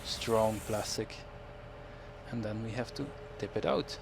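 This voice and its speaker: The voice is a young man's, lowish, gravelly, and steady, with a Dutch accent and an unhurried delivery. He's a gaming YouTuber giving rambling, self-correcting commentary over farming game footage, chuckling now and then, with game engine noise, farm machinery, and ambient game sounds behind him.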